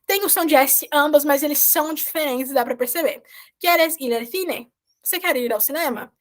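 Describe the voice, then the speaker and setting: A woman's voice: high-pitched, a little fast. A woman whose first language is Portuguese, teaching a recorded beginner Spanish lesson in a chatty, explanatory way and often checking in with her students.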